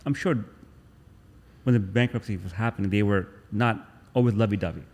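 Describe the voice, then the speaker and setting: A podcast host with a lowish, slightly mellow voice speaks at normal speed in a large hall. Effusive and eager in this casual interview, he repeats himself while thanking his guest and pressing follow-up questions.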